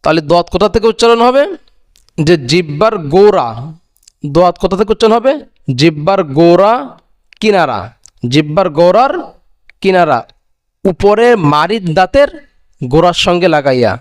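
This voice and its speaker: Male Quran teacher, high voice, unhurried drilling, dry close recording. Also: lively intonation, clean tone, no echo. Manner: drills each letter twice, stretching the sound, then asks and answers his own questions. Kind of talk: slow recitation lesson on Arabic letter sounds.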